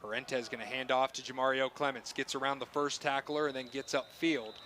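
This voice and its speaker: Bright-voiced man calling football play-by-play. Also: mid-range voice, level tone, fairly quick, a little hiss or hum. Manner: short phrases that follow the action. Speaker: play-by-play announcer. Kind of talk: live football play-by-play commentary. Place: stadium broadcast booth.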